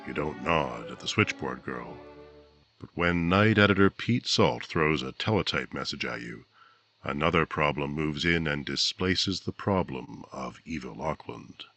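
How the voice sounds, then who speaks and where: Here a bass-voiced man acts as narrator and announcer, spinning a measured, dramatic second-person tale like a 1950s radio play. He sounds animated, bright and forceful, with no room sound and faint music playing behind him.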